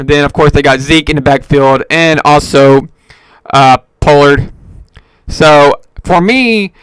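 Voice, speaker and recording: Rambling man with a smooth, dry voice. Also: fairly high pitch, a bit bright, no echo. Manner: rambling, lots of fillers and self-corrections. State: hiccups. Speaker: podcast host. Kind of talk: casual solo sports talk.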